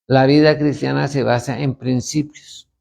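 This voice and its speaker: A man's voice: medium pitch, steady tone, measured pace, a little mellow. A man, a pastor, teaching other pastors in a conversational way and retelling stories with quoted dialogue. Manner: gravelly, anecdotal, retells dialogue.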